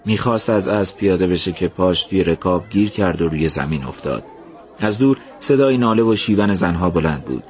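A man narrating a story in a calm, measured, gentle way. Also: low voice.

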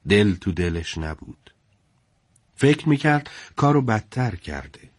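A man narrating a historical story in a colloquial, steady storytelling manner. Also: fairly low pitch, no room sound, studio quality.

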